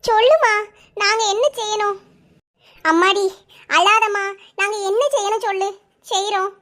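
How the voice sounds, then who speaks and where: A woman voicing a caring, motherly village woman in a cartoon, sympathetic and quick to anger on another's behalf. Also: very high-pitched, fairly bright tone. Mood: indignant. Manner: sympathetic, indignant, fussing. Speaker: elder sister figure. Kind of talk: cartoon voice acting.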